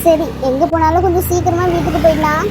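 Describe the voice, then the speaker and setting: A woman's voice: very high voice, flat delivery, fast, noisy background. A woman voicing a shy, anxious young heroine in a cartoon, speaking in a pleading, worried way. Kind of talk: cartoon voice acting.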